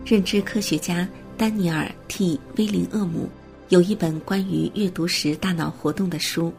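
A woman with a low-set, gravelly voice gives a steady, measured scripted narration. She reads evenly from a prepared text, and faint music plays behind her.

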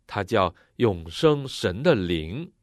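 A man interpreting a sermon phrase by phrase, matching the preacher's expressive delivery. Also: on the low side, slow, dry recording, clean studio sound.

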